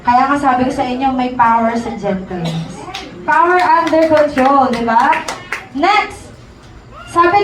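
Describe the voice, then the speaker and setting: A woman preaching a sermon in a conversational way, often asking the congregation for agreement. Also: high-pitched. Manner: conversational, mixing in English, asks the crowd for agreement. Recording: echoey room, from far off.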